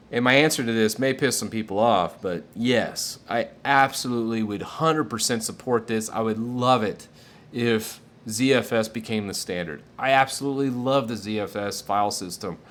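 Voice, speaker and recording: A man casually answering viewer questions on a live tech stream, enthusiastic and rambling with fillers. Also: fairly low pitch.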